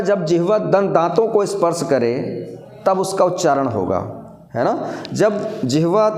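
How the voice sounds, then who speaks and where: High-voiced male teacher in an echoey room. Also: darkish tone. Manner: explains step by step, asks rhetorical questions and answers them; sounds out syllables slowly for students to repeat. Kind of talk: classroom lecture for exam students.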